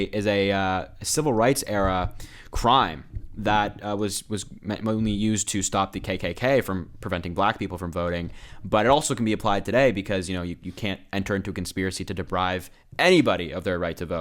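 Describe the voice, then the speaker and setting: Young male podcast co-host, low-pitched, measured explainer with lots of "uh"s, has the hiccups. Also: fairly bright tone. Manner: measured, explains slowly with many filler pauses. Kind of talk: casual podcast chat, reading from a legal document.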